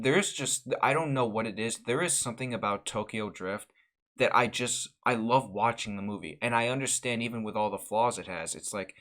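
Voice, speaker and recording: A man's voice: lowish voice, bright, forceful tone. A man hosting a casual vlog where he ranks movies, talking in a rambling way with frequent restarts and repeated words while giving candid opinions. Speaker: channel host.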